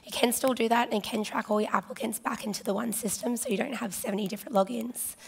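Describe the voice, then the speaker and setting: A woman with a hoarse voice that is giving out, presenting informally and chattily to a conference. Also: on the high side, fairly even intonation, fast talker. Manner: chatty, informal, addressing audience directly. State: hoarse, losing her voice. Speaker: conference presenter, partnerships manager. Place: large conference hall stage, indoors.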